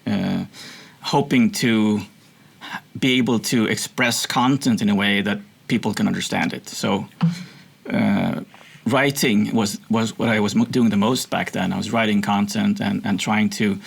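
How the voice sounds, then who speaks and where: A man's voice: on the low side, steady tone, normal speed, creaky, husky. A Swedish man with a somewhat American accent, a guest in an interview, telling his story in an earnest, reflective way. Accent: American-sounding, from international schools. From Sweden. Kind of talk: conversational interview.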